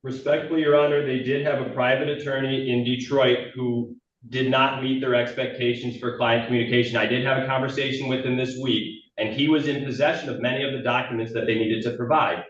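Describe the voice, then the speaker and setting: A man's voice: medium pitch, level tone. Man heard in an echoey courtroom recording. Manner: measured and formally respectful. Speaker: prosecutor. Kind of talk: formal courtroom address. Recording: echoey, distant, muffled courtroom audio with faint noise.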